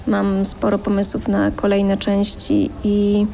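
A woman's voice: mid-range voice, monotone, slow pace, gravelly, warm tone, slight background noise. A woman author answering interview questions thoughtfully, with frequent hesitations. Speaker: children's book author.

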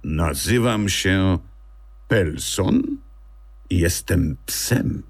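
A man voicing a small, dignified young male basset puppy in a children's audiobook, earnest and a bit touchy. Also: lively intonation, very slow, heavily acted. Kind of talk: audiobook character voice.

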